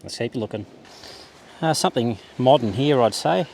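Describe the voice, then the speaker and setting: A man's voice: mid-range voice, lively intonation, normal speed, a little mellow. A man giving a laid-back, understated running commentary outdoors on a beach, half talking to himself as he searches, in the casual way of a hobby vlogger. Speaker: metal detecting vlogger. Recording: clear outdoor background noise.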